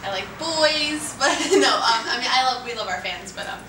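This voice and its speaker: A woman's voice: on the high side, expressive, normal speed. Giggly young woman in an echoey studio. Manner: bubbly, giggly, lots of "like". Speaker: singer being interviewed. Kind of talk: casual interview chat. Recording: echoey room, mic at a distance, background noise.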